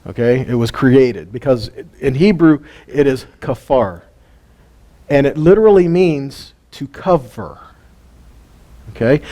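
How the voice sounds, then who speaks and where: Here a man with a mellow voice on the high side gives an informal Bible lesson at his weekly Torah study. He talks with the live group conversationally, asking them questions and chuckling as he moves from point to point.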